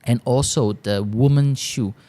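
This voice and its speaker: A man with a Malaysian accent answering interview questions as a business founder, haltingly, repeating words and using non-standard grammar. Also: mid-range voice, warm tone. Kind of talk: interview conversation.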